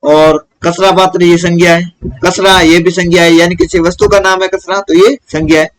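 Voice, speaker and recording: High-voiced man teaching children. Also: level tone, moderate pace, poor audio. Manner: repeats questions and answers them himself. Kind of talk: explaining a school lesson to children.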